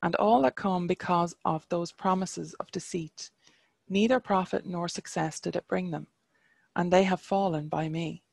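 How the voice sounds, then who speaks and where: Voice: medium pitch, unhurried, gravelly, dry recording. A reader voicing the male warrior hero Cuchulainn, reciting archaic verse in a chant-like manner. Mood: pleading. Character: legendary young male Irish hero, defiant warrior.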